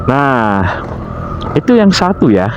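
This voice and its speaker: Speaking slowly with big swings in his medium-pitched voice, this Indonesian man gives casual, instructive advice on caring for motorcycle gear. He repeats himself often and gropes for words as he goes, and the recording is muffled against a noisy background.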